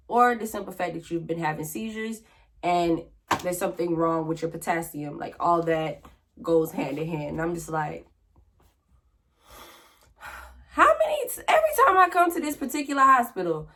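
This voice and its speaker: Blunt woman telling a casual vlog story. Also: fairly low pitch. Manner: animated, blunt, acts out quoted conversations. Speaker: vlogger.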